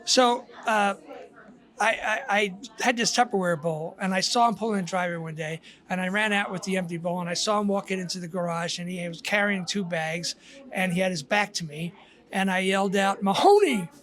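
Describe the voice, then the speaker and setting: An older man with a notably high voice tells stories in a relaxed, reflective way. He talks like a guest on a casual podcast and often restarts his sentences as he works his thoughts out. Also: fairly quick. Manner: storytelling, reflective, with frequent restarts. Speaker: guest author.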